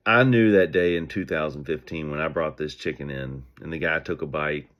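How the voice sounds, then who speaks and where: A man speaking as a business owner, telling stories and giving advice in an energetic, conversational way. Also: very deep voice, normal speed, dull audio. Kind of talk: casual motivational talk.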